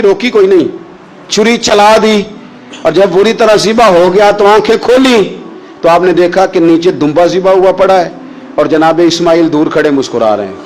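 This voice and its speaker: A man preaching a sermon, telling a story with passion and chanting verses slowly. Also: high-pitched, a little hiss or hum, rough recording.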